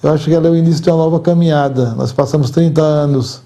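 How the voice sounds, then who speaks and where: With a slightly high, mellow, steady voice, an older man with a Brazilian Portuguese accent answers as an association's outgoing president. His replies are measured and formal, words chosen deliberately, some said twice.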